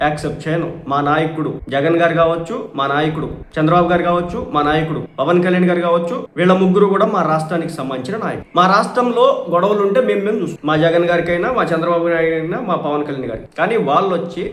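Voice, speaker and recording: A man's voice: on the high side, very fast, few pauses, a bit bright, echoey room. A man from Andhra Pradesh delivers emphatic political commentary, arguing with rhetorical questions.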